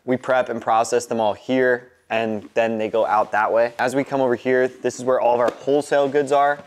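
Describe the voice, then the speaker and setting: A man's voice: mid-range voice, steady tone, a little fast. A man in his twenties with an American accent, hosting a casual, informal tour vlog indoors. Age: 20s. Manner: informal, mildly profane. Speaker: host giving a warehouse tour. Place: large concrete warehouse and upstairs office, indoors.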